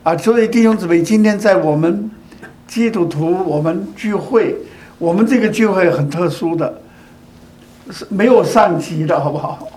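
In an echoey room, an older preacher gives a sermon built on repeated phrases and rhetorical questions, like asking if the listeners agree. He speaks at normal speed in a high-pitched voice with a darkish tone.

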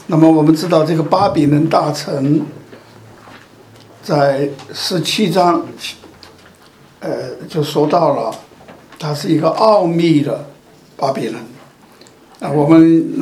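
Slow, hesitant man leading Bible study. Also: fairly high pitch, a little mellow, a little hiss or hum, poor audio. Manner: slow, hesitant, with many fillers.

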